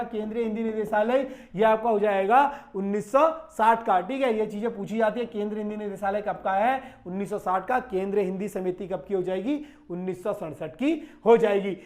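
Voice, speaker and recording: High-pitched man teaching an exam class. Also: a little mellow. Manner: repetitive, checks in with "ठीक है" and "भाई"; explains step by step, asks and answers his own questions. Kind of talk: online exam-prep class.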